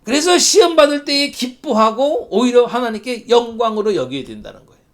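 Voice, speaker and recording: A man's voice: extremely high pitch, lively intonation, fairly quick. A male pastor leading a Bible study, reading scripture aloud and putting questions to the congregation.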